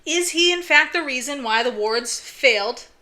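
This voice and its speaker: A woman co-hosts a podcast in casual conversation. Her voice sits on the higher side and has a bright, crisp edge. She eagerly builds on her partner's points with string after string of questions. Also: animated, normal speed. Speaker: podcast co-host. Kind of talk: casual chat.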